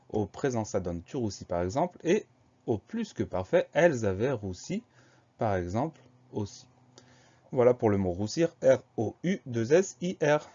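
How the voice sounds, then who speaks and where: A man teaching a spelling lesson, explaining words slowly and spelling them out letter by letter. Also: mid-range voice, warm tone, muffled recording.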